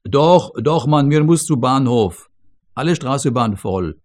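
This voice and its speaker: A man voicing a pushy stranger who talks loudly in broken grammar in a read-aloud story. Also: medium pitch, lively intonation, a little slow, close to an everyday voice. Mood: insistent. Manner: broken grammar, loud and insistent.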